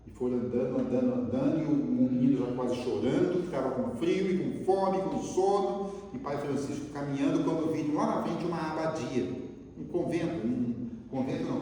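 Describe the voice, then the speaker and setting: In a lecture hall with heavy echo, a Brazilian Portuguese-accented man with a mid-range voice gives a spiritist talk, telling stories with energy and quizzing his listeners. The mic sits far from him and picks up a little hiss or hum.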